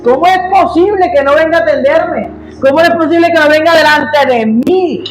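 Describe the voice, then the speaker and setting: A preacher acting out a haughty, indignant general. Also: male voice, very high voice, takes it slowly, a bit bright, faint music behind, pitched above the performer's own voice, full character voice, low-quality recording. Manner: haughty, demanding questions. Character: proud, indignant foreign army general, male.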